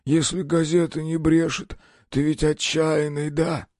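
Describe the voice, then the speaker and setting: A man voicing a frightened drunk peasant witness in an audiobook, with rough, folksy common speech. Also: a little high, flat delivery, measured pace, darkish tone, no room sound, studio quality, voice pushed up, close to an everyday voice. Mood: confiding. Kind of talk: audiobook character voice.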